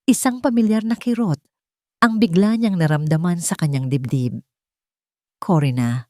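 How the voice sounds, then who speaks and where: A woman with a fairly low voice narrates a dramatic story from a script, measured and deliberate, placing each phrase with care. The recording is dry and mellow with hardly any room sound.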